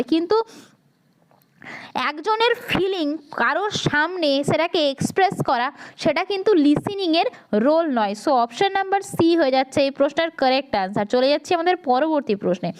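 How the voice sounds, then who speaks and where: A woman teaching an exam prep lesson. She reads English questions slowly, then explains each option in simpler words. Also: high-pitched, poor audio.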